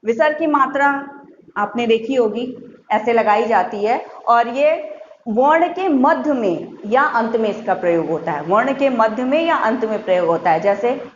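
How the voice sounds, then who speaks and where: A woman teacher explaining a grammar lesson to young schoolchildren, patient, repeating points and sounding out examples slowly. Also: a little high, lively intonation. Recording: muffled echoey room with faint hiss.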